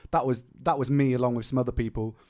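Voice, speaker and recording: A man's voice: medium pitch, fairly even intonation, fast talker, a little mellow. A man chatting casually on a livestream, rambling through explanations with lots of restarts. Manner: rambling, explaining production and rhyme technique; frequent restarts and fillers like "man". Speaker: musician streaming.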